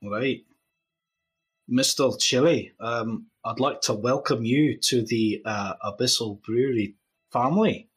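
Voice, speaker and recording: A man's voice: medium pitch, unhurried, slightly rough, faint music behind, rough recording. A man voicing a dry, unimpressed tavern owner interviewing a job applicant. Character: gruff older male tavern owner interviewing staff.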